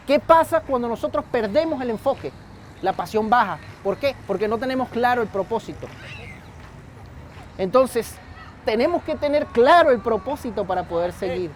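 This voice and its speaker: A man's voice: very high-pitched, a little mellow, a little hiss or hum. A young man with a Venezuelan accent preaching a sermon in a conversational way, often asking his congregation questions.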